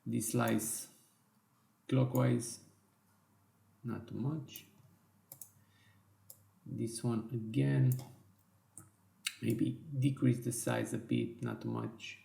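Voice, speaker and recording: Slow, gravelly man guiding a design tutorial. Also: mid-range voice, animated, mellow, echoey room. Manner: slow, step-by-step instructions with fillers and self-corrections. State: losing his voice. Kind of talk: screen-recorded software tutorial.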